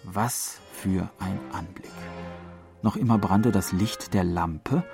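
A man narrating a story as an audiobook in a measured storytelling manner. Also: lowish voice, darkish tone.

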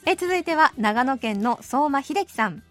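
A cheerful woman in her late thirties hosts a radio show and reads out listener letters. She answers them in a lively, chatty way and laughs often. Her voice sits high, and faint music plays behind her. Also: normal speed. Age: late 30s. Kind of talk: radio letter-reading chat. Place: radio studio.

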